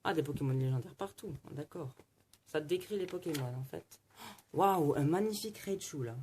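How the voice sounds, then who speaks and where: Flipping pages and opening card packs, this male vlogger keeps up a chatty, casual running commentary. The voice is fairly high and expressive, a little mellow, at a moderate pace, and some hiss or hum can be heard.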